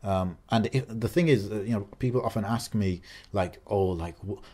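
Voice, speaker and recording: Here the young podcast co-host of Algerian background sounds fairly low and darkish, moving at a normal speed. His talk stays casual and chatty, peppered with fillers and restarts.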